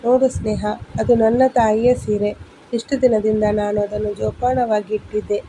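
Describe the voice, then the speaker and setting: A woman's voice: mid-range voice, level tone, moderate pace, dark tone, slight background noise, close to an everyday voice, low-quality recording. A woman doing an indignant young wife. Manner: firm, indignant arguing. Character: angry young wife standing up to her mother-in-law.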